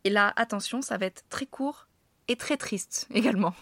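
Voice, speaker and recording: A young French woman tells funny stories to the camera, chatting casually, poking fun at herself, using slang, and laughing often. Her mid-range voice has a fairly bright tone and moderate pace, with no echo.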